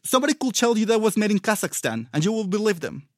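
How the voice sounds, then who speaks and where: A man's voice: high-pitched, big pitch swings, fast talker, dry recording, studio quality. A man from Mexico, a native Spanish speaker with a Mexican accent and Spanglish-tinged English, explaining things casually with reflective, teasing enthusiasm. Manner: Spanglish, English with Spanish-influenced words and pronunciation.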